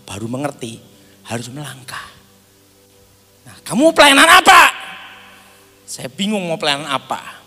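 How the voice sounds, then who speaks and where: A pastor with a slightly rough voice on the high side tells his personal testimony during a sermon. He's a lively storyteller, voicing the characters' dialogue and laughing often. The sound is echoey, recorded in a hall with faint music.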